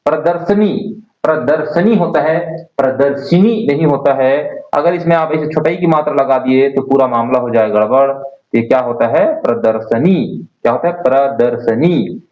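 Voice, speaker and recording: A man's voice: mid-range voice, fairly even intonation, brisk. A male teacher leading an online Hindi spelling class, repeating words and quizzing his students. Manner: drills words by repeating them, asks students questions. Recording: roomy, dull lo-fi sound.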